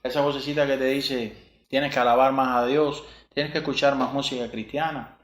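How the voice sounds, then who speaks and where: A man's voice: mid-range voice, fairly even intonation, normal speed. A man, possibly, preaching a sermon, asking rhetorical questions and repeating verses. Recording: echoey room.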